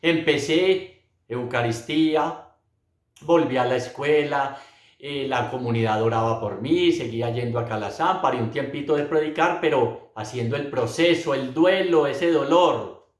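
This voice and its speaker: A man's voice: mid-range voice, unhurried. A middle-aged man giving an earnest, emotional religious testimony, speaking straight to his listeners. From Colombia. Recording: roomy echo.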